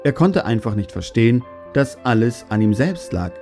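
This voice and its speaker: A man narrating a fairy tale in a calm, even storytelling manner. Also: mid-range voice, normal speed, faint music behind.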